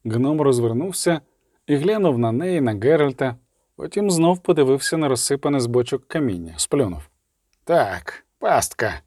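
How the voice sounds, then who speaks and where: A man's voice: mid-range voice, mellow, no echo, clean studio sound. Somber male audiobook narrator. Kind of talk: scripted narration.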